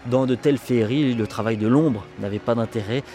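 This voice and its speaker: A man's voice: medium pitch, brisk, warm tone. A man giving scripted film-essay narration in a didactic, wryly humorous way.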